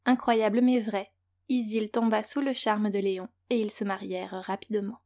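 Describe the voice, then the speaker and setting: A woman's voice: medium pitch, flat delivery, normal speed, a little mellow. A woman hosting a children's audio story show, narrating from a script in a playful way and speaking directly to the young listener.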